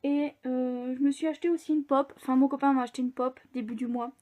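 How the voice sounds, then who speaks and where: A woman's voice: sits high, fairly even intonation, fast talker, mellow, muffled recording. A young woman chatting casually in a book vlog, rambling with fillers and restarts. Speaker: book vlogger. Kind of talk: casual chat.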